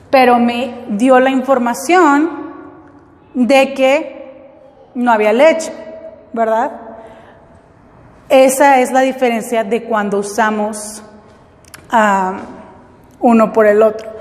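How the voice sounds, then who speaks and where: A woman's voice: a little high, darkish tone, big-room sound. A woman teaching English, explaining step by step and often checking that her students follow. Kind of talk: classroom lesson.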